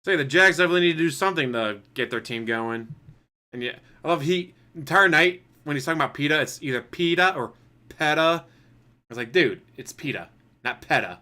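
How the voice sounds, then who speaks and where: A bright, smooth-voiced man giving live reaction commentary, full of sarcastic and mocking asides. His tone is crisp and clear at a middling pitch. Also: quick pace. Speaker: stream reaction host.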